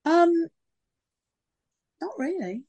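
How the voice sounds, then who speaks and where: Actress with a posh southern English accent, animated and chatty, telling stories in an interview. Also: female voice, very high-pitched, gravelly, highs cut off. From Sunderland, England. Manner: lively, animated storytelling with quick voice switches. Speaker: actress and voice artist. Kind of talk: casual interview chat.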